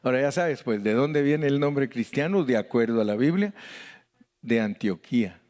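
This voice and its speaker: Folksy Mexican pastor teaching a Bible study. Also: male voice, mid-range voice, expressive, normal speed, darkish tone. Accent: Mexican Spanish. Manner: folksy and joking, mimics voices, calls out to the congregation.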